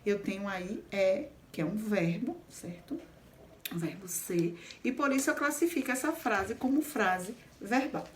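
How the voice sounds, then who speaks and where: A woman's voice: mid-range voice, expressive, a little slow, a little hiss or hum. A woman teaching a grammar lesson, explaining step by step and often checking in with the class. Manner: explains patiently, checks in with frequent "certo?".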